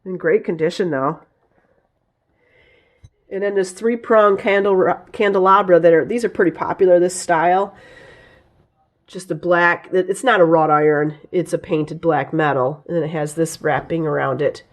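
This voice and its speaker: Woman host, hoarse with a cold, raspy and a bit low; casual rambling show-and-tell, searches for words. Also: steady tone, normal speed. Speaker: vlogger showing thrift finds.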